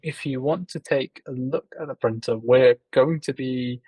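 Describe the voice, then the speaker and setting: A man from the UK, a company founder, explaining things in a measured way with many ums and uhs during an interview. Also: mid-range voice, a little mellow, breathy edge, no room sound, poor audio. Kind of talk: casual video interview.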